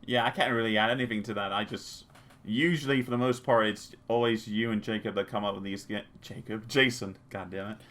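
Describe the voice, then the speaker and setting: A man's voice: lowish voice, steady tone, a little fast, fairly bright tone. A young man co-hosting a podcast in casual chat, easygoing, with short replies. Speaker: podcast co-host.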